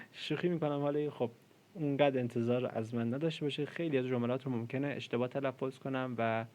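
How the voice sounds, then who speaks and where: A man in his twenties works as a programming tutor, giving a casual coding lesson that's chatty, self-deprecating, and full of fillers. His mid-range voice is creaky and a little mellow.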